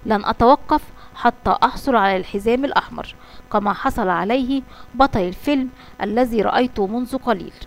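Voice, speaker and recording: A woman's voice: a little high, a little fast, soft background music, natural voice. A woman voicing a stubborn, boastful boy who is a karate fan in a children's story. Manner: shouting karate cries.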